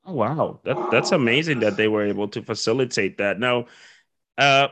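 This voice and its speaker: A man's voice: medium pitch, normal speed, background noise. A man hosting an interview, asking questions in a chatty, rambling way. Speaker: interview host. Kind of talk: casual interview chat.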